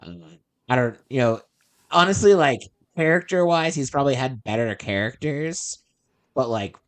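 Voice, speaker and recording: A man's voice: medium pitch, animated, moderate pace, dry recording. A man hosting a podcast in casual chat, meandering as he thinks aloud. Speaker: podcast host.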